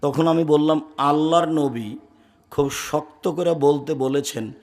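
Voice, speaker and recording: A man preaching a Friday sermon, forceful and firm, swinging from loud declaiming to low murmurs. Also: fairly even intonation, measured pace. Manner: speaks firmly and loudly by habit.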